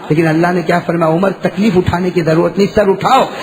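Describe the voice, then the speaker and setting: High-voiced dramatic male preacher, noisy recording. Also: fairly even intonation, brisk, big-room sound. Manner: dramatic, swings from low talk to loud shouting; calls on the audience to answer. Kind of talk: Islamic sermon storytelling. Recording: noisy live sermon recording.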